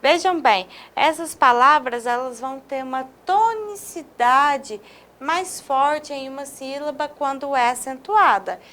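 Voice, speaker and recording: In an online video lesson, a woman from Brazil speaks in a high-pitched, slightly bright voice. Her delivery is slow, with stressed syllables and drawn-out example words, and she frequently checks in with the people listening.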